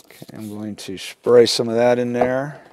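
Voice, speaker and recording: A middle-aged man in a how-to repair video talks his way through a fix step by step at a workbench in a small, indoor wooden workshop. The casual demonstration is folksy and plain-spoken, his mid-range voice steady and at normal speed, with background noise present.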